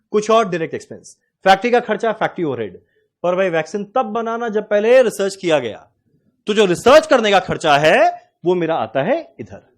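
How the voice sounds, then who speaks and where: High-voiced male teacher telling stories. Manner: animated anecdotes, acts out dialogue. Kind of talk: classroom lecture with storytelling.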